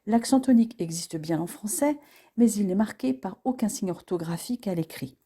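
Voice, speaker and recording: Woman teacher going over french sounds, careful and slow, mellow warm voice. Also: medium pitch, lively intonation, breathy edge. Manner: slow, careful, spelling out sounds with occasional hesitations. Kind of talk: pronunciation lesson.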